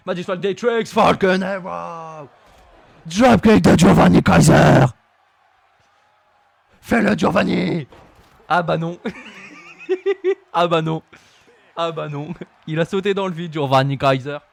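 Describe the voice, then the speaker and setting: A man calls wrestling action for a home stream with a voice that sits a touch high. He talks in an excitable, joking way and often breaks into loud shouts. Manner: excitable, laughing, bursts into shouts. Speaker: wrestling game commentator. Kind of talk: playful play-by-play commentary.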